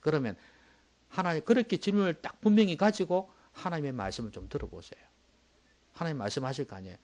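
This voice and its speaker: Male pastor, sermon, slightly high voice, very expressive pitch, rhetorical questions to the congregation, soft asides and loud bursts. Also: fast. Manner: animated preaching, swinging from soft low asides to loud emphatic bursts.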